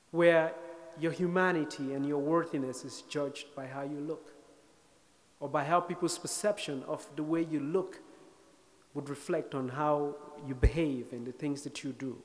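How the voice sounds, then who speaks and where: A man in his thirties from Sierra Leone, giving a speech as an invited speaker, telling a personal story with wry, self-deprecating humor and reflective pauses. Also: fairly high pitch. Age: 30s. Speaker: guest speaker. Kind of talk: storytelling lecture. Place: lecture hall stage.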